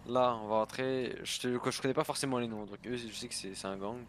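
A man playing a police officer in an online role-play, talking in a hesitant, low-key way. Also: steady tone, fast talker, slight background noise. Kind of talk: livestreamed game role-play.

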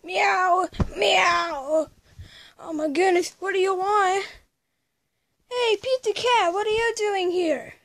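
A woman performing an improvised toy skit, voicing every part herself and switching quickly between characters with playful exclamations. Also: extremely high pitch.

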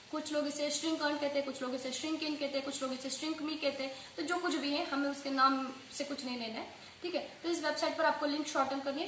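It's a fast-talking online earning tutorial from a female host whose voice is high and a bit bright. She speaks casually to her audience, slipping English phrases in, recorded in an echoey space with light background noise.

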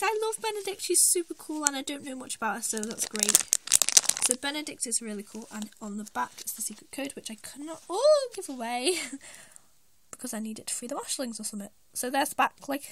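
A woman doing an excited toy unboxing review, who talks eagerly and squeals when she finds something new. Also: a little high, brisk. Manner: excitable, squeals names of toys. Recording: loud background noise, packaging crinkling.

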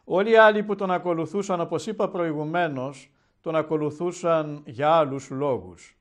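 With a fairly high-pitched voice, a man who is an Orthodox bishop preaches a Gospel sermon on television. He speaks in a solemn, measured way, as if telling a story.

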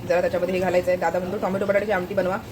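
A woman's voice: on the low side, little pitch movement, very fast, a crowd in the background. A woman vlogging at home, chatting casually and pointing things out to her viewers. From Maharashtra. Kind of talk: casual home vlog narration.

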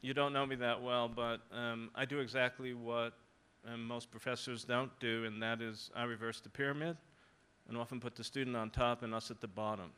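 An older male professor speaking on a conference panel in a large hall, measured and persuasive. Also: mid-range voice, little pitch movement, bright, forceful tone, smooth. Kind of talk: panel discussion.

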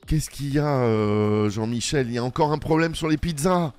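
A man's voice: medium pitch, moderate pace, darkish tone, soft background music. A man playing a shop game, chatting as a cashier with customers and an unheard boss. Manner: playful, talks back to unheard boss and customers. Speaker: let's play gamer. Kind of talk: improvised role-play commentary.

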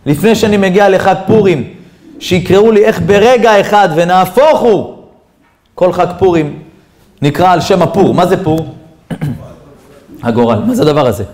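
Animated rabbi telling a story. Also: male voice, high-pitched, long pauses. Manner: dramatic storyteller, voices rise and drop sharply, addresses audience as guys. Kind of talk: animated Purim sermon with storytelling.

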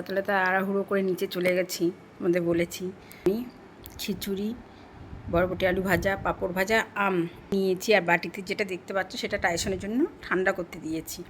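A woman's voice: mid-range voice, fairly bright tone. A middle-aged woman talks to her viewers in a loose, rambling home vlog. She has a mid-range voice and chats as if to old friends. Faint noise sits under her voice. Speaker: vlogger. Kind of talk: casual home vlog narration.

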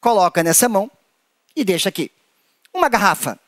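A Brazilian man leads a playful children's lesson, his voice pitched high for a man. He bounces through a wide, sing-song range. The sound is close and dry, with no room around it. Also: a little fast, dry recording. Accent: Brazilian Portuguese. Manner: animated, playful, acts out creatures in squeaky high voices. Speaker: children's performer leading a hand-play workshop.

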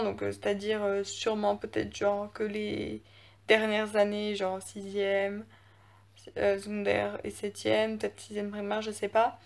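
A woman's voice: mid-range voice, vocal fry. A teenage girl, chatting casually in a home vlog, rambling with lots of fillers and hesitations. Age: teens. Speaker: vlogger. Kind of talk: casual chat. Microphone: phone camera.

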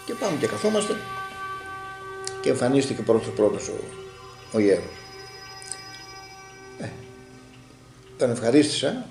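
A man's voice: medium pitch, very animated, pauses often, a little mellow, roomy sound, faint music behind. A man telling a long story in casual group talk and acting out the dialogue as he goes.

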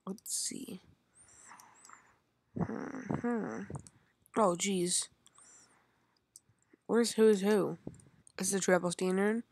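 This gaming channel host, a young woman, rambles chattily to herself and her viewers as she plays, in a medium-pitched, steady, darkish, creaky voice. She talks extremely slowly, pausing often, over slight background noise.

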